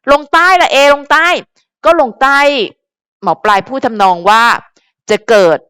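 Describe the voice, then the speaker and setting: A young woman hosting a fan channel, chatting casually and at length to her viewers in a rambling, animated way full of fillers. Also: fairly high pitch, unhurried, smooth, dry recording.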